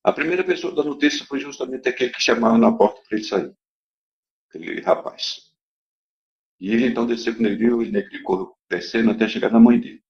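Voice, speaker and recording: A man's voice: medium pitch, quick pace, vocal fry. A man giving a testimony to a congregation, telling a story in a dramatic, emphatic way. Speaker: church member giving testimony. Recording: dull lo-fi recording.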